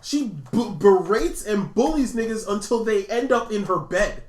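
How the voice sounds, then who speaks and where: Male podcast co-host, lively pitch, teasing and profane, roomy recording. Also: measured pace. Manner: laughs often, swears, teasing. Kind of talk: casual chat.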